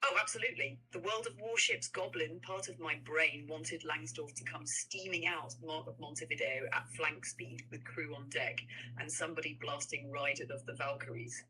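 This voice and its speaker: An AI voice assistant calmly explaining history in chat answers, reading out web links. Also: medium pitch, far from the mic, slight background noise, low-quality recording. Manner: measured, reads out links.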